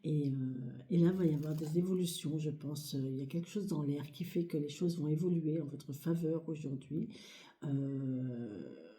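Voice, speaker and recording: A hoarse, short-of-breath woman speaking softly and hesitantly with many fillers as she reads cards in a casual video. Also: low voice, normal speed. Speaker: card reader. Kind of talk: casual tarot reading video. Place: home, near a sleeping child, outdoor birds.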